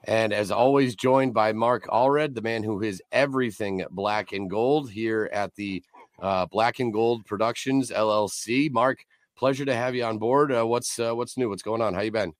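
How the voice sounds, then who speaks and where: A man with a hoarse, raspy, nearly lost voice hosting a casual sports podcast. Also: fairly low pitch, normal speed, no room sound. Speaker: podcast host and announcer.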